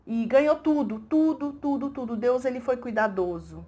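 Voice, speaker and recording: Brazilian woman retelling a miracle story, kinda high voice, repeats lines with lots of feeling. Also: moderate pace, faint music behind. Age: middle-aged. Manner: acts out quoted voices with rising excitement, repetitive. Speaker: channel host telling a testimony. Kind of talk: storytelling testimony.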